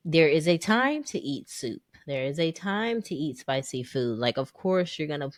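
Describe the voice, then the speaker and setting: Lively storytelling woman podcast co-host. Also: deep voice, normal speed, no echo, clean studio sound. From Caribbean family descent. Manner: animated storytelling, casual slang. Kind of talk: casual chat.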